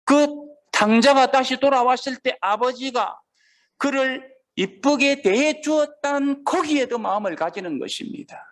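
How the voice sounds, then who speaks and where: A pastor delivers a sermon in a fairly high-pitched male voice. He slows down for scripture readings and keeps turning to the congregation with questions. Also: a bit bright. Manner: asks the congregation questions and reads scripture slowly.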